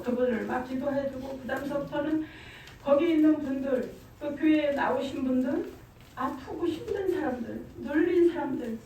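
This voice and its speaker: A woman's voice: high-pitched, warm tone, a little hiss or hum. A middle-aged woman giving a fervent church testimony, emphatic and repeating her phrases. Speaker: testimony speaker. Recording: very echoey room, far from mic.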